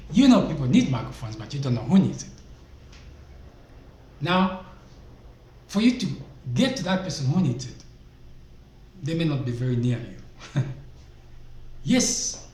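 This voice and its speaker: A man's voice: mid-range voice, very animated, unhurried, long pauses, darkish tone. A man from Zambia giving business advice as a vlogger, emphatic and fond of rhetorical questions, speaking into a desk microphone. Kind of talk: casual motivational talk to camera. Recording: echoey room, faint background noise.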